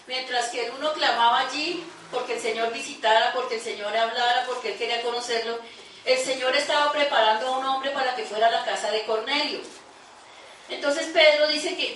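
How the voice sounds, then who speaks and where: A woman's voice: on the high side, a bit bright, slight background noise. A woman pastor preaching a sermon, praying aloud with fervour and reading scripture to her congregation. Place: large echoey church hall. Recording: very echoey church recording from far off.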